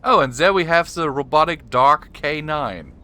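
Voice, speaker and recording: A man's voice: a little high, moderate pace, bright, forceful tone. A man streaming a game, casually musing and reacting aloud.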